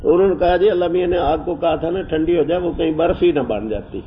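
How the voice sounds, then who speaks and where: A man teaching a class on Quranic Arabic. He explains the grammar at length, wanders off topic, and recites verses slowly. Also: on the high side. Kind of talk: classroom lecture on scripture and grammar. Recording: muffled lo-fi classroom recording with faint hiss.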